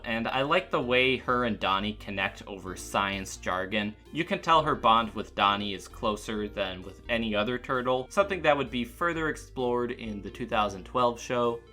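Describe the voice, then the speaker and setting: A man with a bright, forceful voice narrates a scripted review as an opinionated cartoon critic. He sounds informal, at a middle pitch, with faint music underneath. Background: background music.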